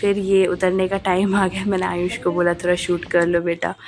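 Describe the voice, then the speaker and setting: A young adult woman narrates her family vlog in a casual, monotone way, her low voice moving at normal speed. She's coughing with a cold, and many hesitant fillers break up her chat.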